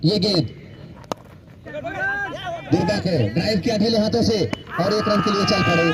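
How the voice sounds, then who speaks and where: A man giving excited live cricket commentary, repeating phrases for emphasis. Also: high voice, rough recording.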